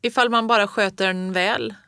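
A reader voicing a stubborn, upset six-year-old farm boy who shouts over a snowstorm. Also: medium pitch, steady tone, clear, resonant tone, dry recording, studio quality. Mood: pleading.

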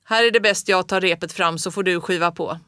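A reader voicing a sour, stern farmer father who calls out loudly over a storm. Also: mid-range voice, fairly even intonation, no echo, clean studio sound, natural voice. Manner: calling out loudly over the wind.

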